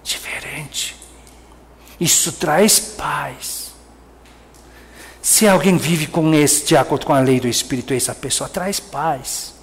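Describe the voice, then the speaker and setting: Animated high-voiced pastor in a reverberant hall. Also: male voice, a little slow, vocal fry. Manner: animated preaching, acting out quoted speech; drops to soft murmurs for prayers. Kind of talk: sermon. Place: church. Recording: long reverb of a church hall.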